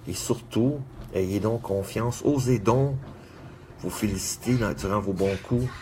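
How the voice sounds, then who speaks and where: A man speaks in a lowish voice, delivering an earnest motivational monologue. He repeats encouraging phrases in slow, measured runs. A faint hiss sits quietly under his voice. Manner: earnest, repetitive exhortations with measured pauses; greets viewers by name.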